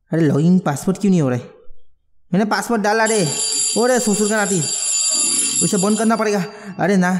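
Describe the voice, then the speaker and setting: A man giving jumpy, excitable let's play commentary on a horror game, mixing English words into his talk. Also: sits high, in a large hall. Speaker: gamer.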